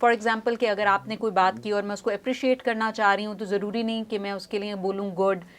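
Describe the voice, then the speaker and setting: A woman speech pathologist is a guest in a studio interview. She explains her points patiently through everyday examples and slips English phrases into her talk. Her voice sits at an ordinary middle pitch. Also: steady tone, a little fast. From Pakistan. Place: news studio.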